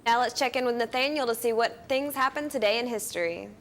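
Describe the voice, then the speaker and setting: A young woman anchoring a student news show, reading in a scripted, bright way. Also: fairly high pitch, fast talker, heavy background noise.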